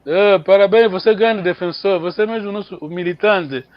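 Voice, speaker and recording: A man's voice: sits high, brisk, muffled recording. A man teaching a language in a live online lesson, chatty and coaxing, repeating words for students to practise.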